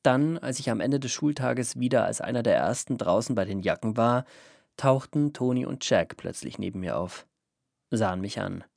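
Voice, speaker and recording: A man narrating a first-person story in a calm, even storytelling manner. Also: medium pitch, normal speed, gravelly, no echo, studio quality. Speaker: audiobook narrator.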